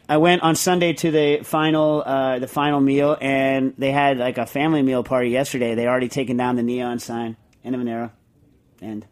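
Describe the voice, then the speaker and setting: A middle-aged male podcast host with a medium-pitched voice chats casually, walking through technical points step by step with plenty of fillers and restarts.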